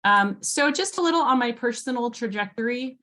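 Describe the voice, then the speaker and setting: A woman in her forties from Hawaii presents in a webinar over a video call. She talks in a relaxed way and often fills pauses with ums and uhs. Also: fairly high pitch. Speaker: guest speaker.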